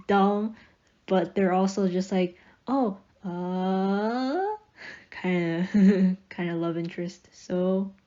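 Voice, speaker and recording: A young woman talks through her artwork in a relaxed, rambling voiceover, full of little fillers and soft laughs. Her voice sits at a middle pitch with a mellow, warm tone. It is recorded on a slightly dull, lo-fi home mic. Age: young adult. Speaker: artist narrating a speedpaint. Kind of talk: casual voiceover narration.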